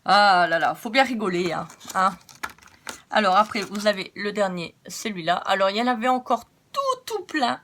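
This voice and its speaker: A woman's voice: mid-range voice, very animated, moderate pace, fairly bright tone, slight background noise. French lady rambling through a scrapbook haul, laughs a lot, lots of euh and alors. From France. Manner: chatty, laughs often, jokes about herself; thinks aloud with many fillers. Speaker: craft vlogger. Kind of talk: casual haul chat.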